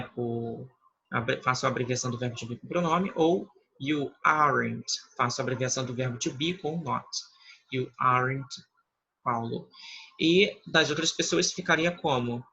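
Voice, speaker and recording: A man with a Brazilian Portuguese accent, explaining English grammar in a slow, patient lesson and checking often that students follow. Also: mid-range voice, bright, forceful tone, husky, highs cut off. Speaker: English teacher. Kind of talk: online class explanation.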